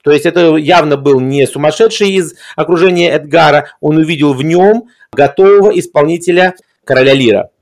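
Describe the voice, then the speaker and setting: A man's voice: a little high, a little fast. A man discussing film in a reflective conversational way, hesitant, with erudite and formal wording.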